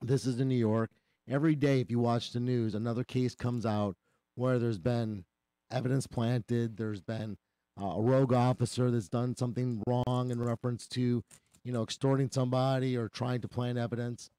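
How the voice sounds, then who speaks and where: Mellow-voiced attorney, slightly hoarse. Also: male voice, mid-range voice, flat delivery, moderate pace, no room sound. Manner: earnest, explanatory. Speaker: attorney guest. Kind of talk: radio talk, explaining a legal case.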